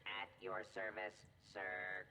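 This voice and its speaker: A man's voice: sits low, little pitch movement, slow pace, bright, forceful tone, full character voice. A man voicing a polite male butler robot with a courteous, formal manner, in a video game. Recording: game audio with long reverb and noisy background.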